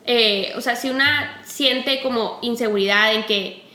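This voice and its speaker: A woman's voice: a little high, measured pace, pushed and bright, echoey room. A woman in a casual chat, hesitating and searching for her words.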